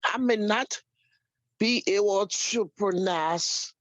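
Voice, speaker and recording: A woman calls in by phone with casual, opinionated commentary, speaking slowly in a medium-pitched voice without echo. The call sounds muffled and band-limited.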